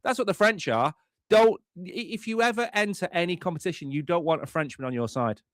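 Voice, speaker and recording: A man co-hosting a live stream, bantering in an animated, teasing way. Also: high voice, a little fast, dry recording. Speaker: co-host.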